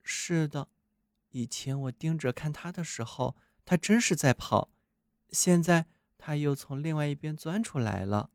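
A man voicing an old chained watchdog with a hoarse voice, gruff and know-it-all. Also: on the high side, animated, unhurried, dry recording, clean studio sound, voice pushed up. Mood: musing.

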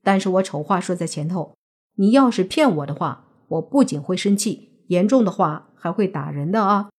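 A woman's voice: lowish voice, animated, normal speed, a little mellow, breathy edge. A woman narrator voicing a young male zombie with dry, offhand retorts in an audiobook.

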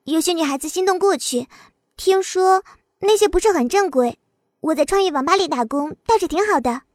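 A woman's voice: extremely high pitch, a little fast, no room sound, clean studio sound. A woman voicing a worried, chatty young female student in an audiobook. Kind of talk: audiobook dialogue acting.

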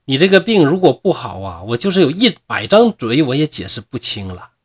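A man's voice: mid-range voice, sing-song, a little fast, a little mellow, slightly rough. A man voicing an indignant fox-spirit woman. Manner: scolding, exasperated. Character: proud indignant female fox spirit healer.

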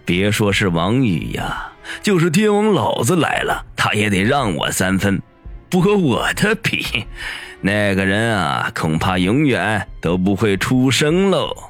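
A man's voice: on the low side, sing-song, unhurried, a bit bright, faint music behind, pitched above the performer's own voice. A man voicing an arrogant, lecherous young gang boss who sneers and gloats with menacing chuckles in an audiobook. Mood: gloating. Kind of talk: audiobook character voice.

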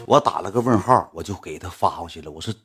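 A man's voice: sits low, expressive, fast, a bit bright, faint music behind. A young man with a Northeastern Mandarin accent, casually telling a story to his fans, rambling and repeating himself with many restarts. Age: young adult. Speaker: livestream host.

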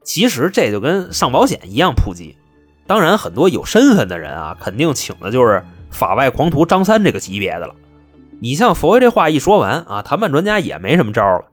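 A man's voice: mid-range voice, huge pitch swings, fairly quick, husky, faint music behind. A man telling a comic crime story in a chatty, punchy, colloquial way.

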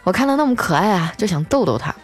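A woman's voice: medium pitch, big pitch swings, fast. A woman hosting a comic storytelling show, chatty and playful, drawing out the ends of her sentences. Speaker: radio-style comedy host. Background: faint background music.

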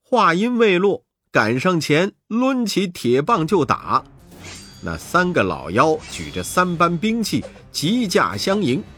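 A man narrating a children's story in an expressive, dramatic storytelling manner. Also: high-pitched, takes it slowly, soft background music.

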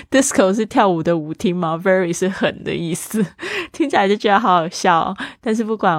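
A woman teaches English in a relaxed, chatty way, slowing down to spell out words and laughing easily. Her voice sits at an everyday middle pitch. The recording is dry and close, with no room sound. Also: no echo. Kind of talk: casual language lesson.

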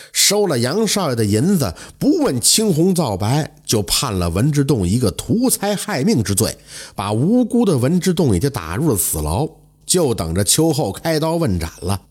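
A man telling a folk tale in a dramatic, lively storytelling manner with exclamatory asides. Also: medium pitch, normal speed, breathy edge. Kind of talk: traditional oral storytelling.

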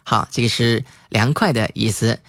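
A man teaching English vocabulary, spelling words letter by letter and repeating example sentences slowly. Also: medium pitch, gravelly, a bit bright, no room sound, clean studio sound. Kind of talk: spoken English lesson.

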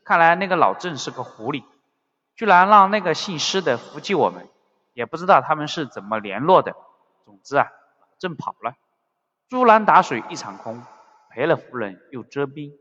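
Man voicing an eager, fawning male subordinate agent; effusive, hurried, muffled reverby recording. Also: a little high, sing-song, pushed and bright, heavily acted. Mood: urgent. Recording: dull audio with long reverb.

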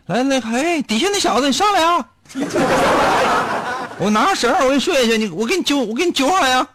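A male radio host putting on a loud, eager helicopter rescuer calling down to a stranded man. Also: very high-pitched, animated, very slow, very noisy, voice pushed up, full character voice. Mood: eager shouting.

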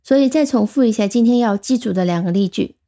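A woman teaching English vocabulary, explaining patiently step by step and slowing down on the English words. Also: a little high, dark tone. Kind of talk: vocabulary lesson.

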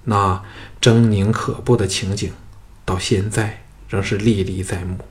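A man reading the lines of a scheming, vengeful young noblewoman in a soft, subdued voice. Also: on the low side, unhurried.

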